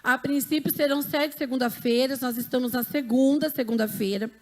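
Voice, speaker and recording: A woman pastor stands before her congregation and gives the week's announcements. Her voice sits high, and she talks in a fervent preacher's manner, turning to the people in the pews again and again. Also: a little fast. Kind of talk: church announcements from the pulpit. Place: church sanctuary.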